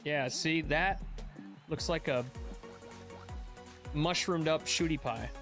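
A man's voice: a little high, takes it slowly, fairly bright tone. A man streaming a video game, giving casual, joking commentary and cheering on his teammates. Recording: game music behind the voice.

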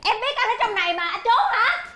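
Super high bright bossy wife, yelling at her husband, sitcom style. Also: animated, a little fast, reverberant, exaggerated voice. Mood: scolding. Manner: shrill, bossy scolding. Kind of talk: sitcom acting.

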